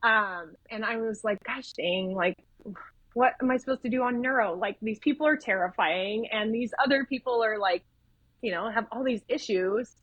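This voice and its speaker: A woman's voice: on the high side, moderate pace, no room sound, dull audio. A woman from Idaho, a podcast guest and nurse educator, telling stories in casual conversation and acting out the voices of people she quotes. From Idaho, USA. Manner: animated, acts out quoted dialogue with shifts in voice.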